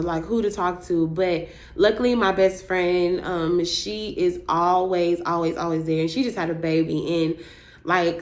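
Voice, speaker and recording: Young woman vlogger, casual storytelling, loose and chatty, filler-heavy. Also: medium pitch. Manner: chatty, many fillers like "like" and "you know".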